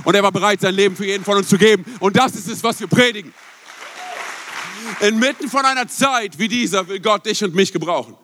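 A man's voice: high-pitched, a little fast, fairly bright tone, a faint crowd, slight background noise. A young adult male pastor preaching a passionate sermon, emphatic, often asking the listeners rhetorical questions and mixing in English words. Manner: mixes English words into speech.

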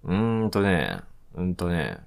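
Low-voiced man, lively casual answers. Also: unhurried, vocal fry. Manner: relaxed, short offhand answers. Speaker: podcast co-host answering questions. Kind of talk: casual chat.

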